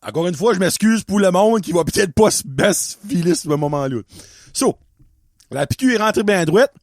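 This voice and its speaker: A man with an Acadian French accent hosting a podcast and telling a story in a casual monologue. He is animated, laughs often and drops English words into his speech. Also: sits high, normal speed, dry recording, studio quality. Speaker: podcast host.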